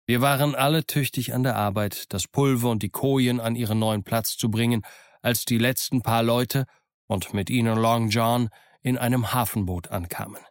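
A man reading a novel aloud as an audiobook narrator, in steady storytelling. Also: mid-range voice, normal speed, no room sound, clean studio sound.

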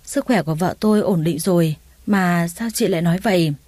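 A woman voicing an anxious, quick-tempered young husband who speaks in urgent outbursts. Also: fairly low pitch, dark tone, no echo, natural voice. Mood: agitated.

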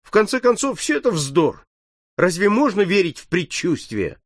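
A man's voice: high voice, sing-song, normal speed, no room sound, studio quality, pitched above the performer's own voice. A man reading an audiobook, voicing a bold young adventurer who speaks raised and insistent. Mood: pleading.

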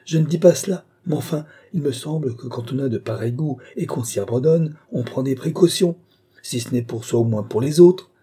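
A man voicing a blustering, cowardly gentleman in an audiobook, agitated and indignant, insisting he fears nothing. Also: on the low side, expressive, brisk, breathy edge. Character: blustering, cowardly gentleman who claims no fear. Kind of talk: audiobook character voice.

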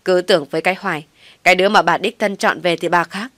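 A woman's voice: on the low side, steady tone, moderate pace, no room sound, close to an everyday voice. A woman voicing an older man who scolds his wife in a roaring voice. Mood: furious. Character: furious old father-in-law, man shouting.

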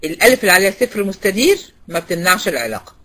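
A woman's voice: medium pitch, big pitch swings, racing, a bit bright. A woman with an Egyptian Arabic accent teaching a recitation class, quizzing students by name and repeating key points. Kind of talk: online class lecture.

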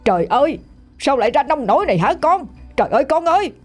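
A woman narrator voices a desperate middle-aged father in a spoken horror story. He cries out, and his voice is husky and mellow. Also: medium pitch, moderate pace, faint music behind, voice pushed up, natural voice. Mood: anguished. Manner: anguished crying out.

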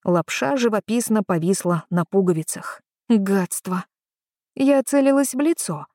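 A woman narrating a first-person audiobook in a lively, ironic storytelling manner. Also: mid-range voice, measured pace, no echo, clean studio sound.

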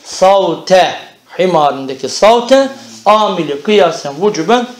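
A man's voice: sits high, expressive, slow. A man teaching an Arabic grammar lesson, explaining step by step and often checking that the class understands.

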